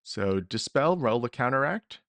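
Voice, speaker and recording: A man running a tabletop game as game master, making deliberate rulings and correcting himself as he goes. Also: mid-range voice, sing-song, fairly bright tone.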